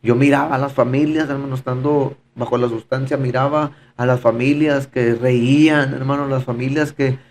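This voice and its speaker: A man's voice: mid-range voice, fairly even intonation, moderate pace, few pauses, darkish tone, slight background noise. A man giving a fervent, repetitive personal testimony in conversation, often calling his listener brother. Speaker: podcast guest giving testimony.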